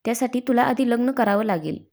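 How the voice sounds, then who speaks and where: A woman's voice: a little high, brisk, a little mellow. A woman voicing a brash, joking young male friend of the groom.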